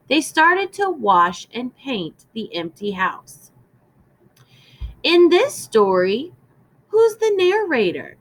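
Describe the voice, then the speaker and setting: A female teacher reads a story aloud to young children, pausing for explanations and asking them questions. Her lively pitch rises and falls, and she moves slowly through each phrase in a deliberate, instructive way.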